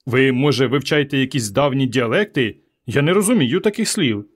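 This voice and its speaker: A man voicing a calm, earnest young woman from the future in a storybook reading, bewildered by old words. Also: medium pitch, moderate pace, natural voice. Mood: earnest, puzzled.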